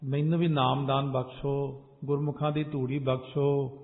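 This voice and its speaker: A man preaching, singing scripture lines slowly and then explaining them in quicker speech. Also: medium pitch, little pitch movement. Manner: alternates slow chanted verses with quick explanation. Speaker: Sikh preacher. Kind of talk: sung scripture with spoken commentary. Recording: tinny phone-like sound with long hall reverb.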